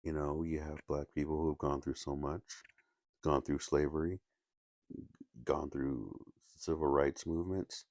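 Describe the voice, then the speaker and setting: A video essayist gives casual solo commentary in a very deep voice full of gravelly fry. He speaks haltingly, with many restarts and fillers, keeping it low and quiet. The sound is dry and close with no room echo.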